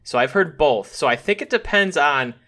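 A young man from Western New York with a nasal voice, hosting a casual podcast chat with fillers and pauses. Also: fairly high pitch. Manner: relaxed, hesitant with fillers. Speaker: podcast host.

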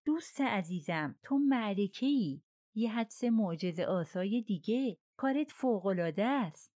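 A woman voicing an excitable, effusive middle-aged railway director in an audiobook. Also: mid-range voice, dry recording, clean studio sound, voice pushed up, close to an everyday voice. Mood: admiring. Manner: effusive, exclaiming.

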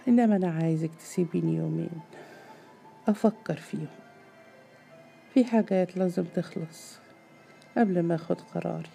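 A woman reading the part of a calm, earnest young man who speaks gently and apologetically, in a story read aloud. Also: lowish voice, a little fast, vocal fry, pauses often, soft background music. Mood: apologetic.

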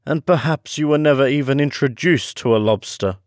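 A man's voice: medium pitch, a little fast, no room sound, studio quality, voice pushed up, lightly acted. Storybook creature role: weepy, emphatic sea turtle, voice raised well up male reader acting it out. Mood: mournful. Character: weepy, melancholy old male sea turtle, excitable at times. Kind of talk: storybook character reading.

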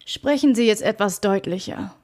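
Woman reading a composed gentleman lawyer. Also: medium pitch, natural voice. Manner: measured, reassuring, formal. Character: calm, composed male lawyer, firm.

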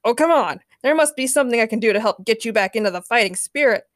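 A woman voicing a brash, fight-hungry male street fighter, loud and pushy. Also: a little high, animated, quick pace, no echo, clean studio sound, close to an everyday voice. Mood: pleading.

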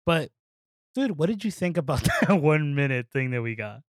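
A man co-hosting a podcast, chatting casually and excitedly with a lot of fillers. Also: fairly high pitch, normal speed, dry recording, clean studio sound. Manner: excitable, rambling, many fillers. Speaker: podcast co-host. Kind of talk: casual chat.

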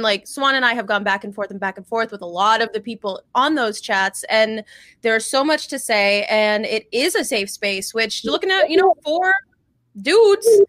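Podcast co-host, woman: bright, upbeat, chatty, dry close mic. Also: on the high side, dry recording. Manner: chatty, upbeat, laughs often. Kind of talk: casual chat.

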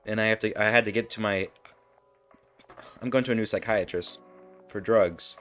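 Rambling young man with a low voice. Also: steady tone, brisk, fairly bright tone, faint music behind. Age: young adult. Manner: rambling, self-interrupting, laughs often. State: burping, hiccups. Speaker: podcast host. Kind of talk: casual rambling monologue.

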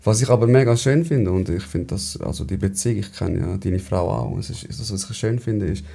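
Low husky Swiss German host. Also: male voice, brisk, dark tone. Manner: laid-back, reflective, calls his guest "bro". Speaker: podcast host. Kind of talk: casual conversation.

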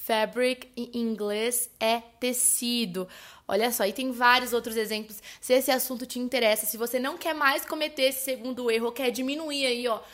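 A Brazilian woman with a Brazilian Portuguese accent, hosting a podcast lesson. She explains in a chatty way, often checks in with her listeners, and says example words slowly and carefully. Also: fairly high pitch, fairly even intonation, a bit bright. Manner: chatty, addresses listeners as "gente", frequent "né?" and "tá bom?". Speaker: English teacher and podcast host.

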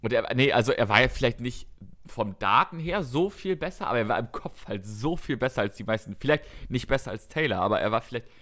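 A man in casual conversation on a darts podcast, with a voice of ordinary middle pitch. He rambles and corrects himself as he goes, often reeling off long lists of results. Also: lively intonation, quick pace, fairly bright tone. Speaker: podcast co-host. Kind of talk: casual chat about darts.

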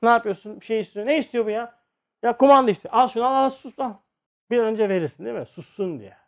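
High-voiced man giving a lively religious talk. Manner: lively, acts out everyday scenes, asks rhetorical questions. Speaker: religious teacher. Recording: dull lo-fi recording.

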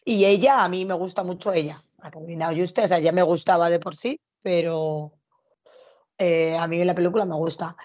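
A woman's voice: fairly low pitch, fairly even intonation, moderate pace, darkish tone. A woman co-hosting a podcast, chatting casually about films with many hesitant fillers. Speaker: podcast co-host. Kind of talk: casual film chat. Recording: dull lo-fi sound.

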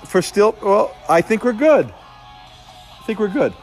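A man's voice: sits high, big pitch swings, unhurried, faint music behind. A man hosting a casual podcast among friends, joking and bossing the others around. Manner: joking, bossy, talks over others. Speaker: podcast host. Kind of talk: casual chat. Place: outdoors in a driveway.

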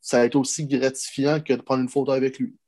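A young man, talking casually and a little haltingly. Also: mid-range voice, little pitch movement, dark tone. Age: young adult. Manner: hesitant, halting storytelling. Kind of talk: casual chat.

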